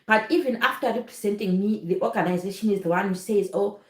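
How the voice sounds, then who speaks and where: A woman talks straight to her viewers in a personal, earnest vlog, often pausing to ask if they understand. Her voice sits in a middling range. The recording has a noticeable roomy echo. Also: mid-range voice. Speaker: nurse vlogger. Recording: echoey room.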